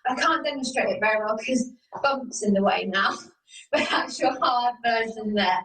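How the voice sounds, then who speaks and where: A woman's voice: a little high, moderate pace, a bit bright, slight background noise. A young woman teaching a live exercise class from home over a video call, encouraging and cueing each move step by step. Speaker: fitness instructor. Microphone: video call from a laptop or phone camera. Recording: roomy video call audio from a distance.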